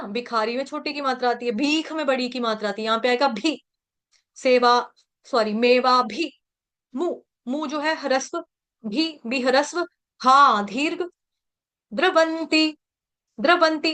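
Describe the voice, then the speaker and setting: A woman teaching a devotional pronunciation lesson, chanting verse lines slowly and repeating words syllable by syllable to drill them. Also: high-pitched, fairly bright tone. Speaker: scripture recitation teacher.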